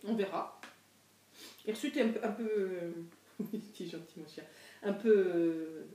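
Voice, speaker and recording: A woman's voice: mid-range voice, darkish tone, a little hiss or hum. A woman chatting casually through an unboxing, hesitant and full of fillers and self-corrections. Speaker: pet product reviewer. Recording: echoey room, voice from a distance.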